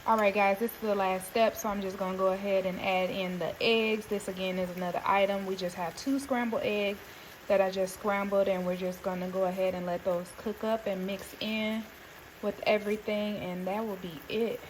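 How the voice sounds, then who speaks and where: A woman's voice: mid-range voice, flat delivery, moderate pace, a little hiss or hum. A woman vlogger chatting casually to her viewers while cooking in a home kitchen. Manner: chatty, talks straight to viewers as "guys" and "y'all".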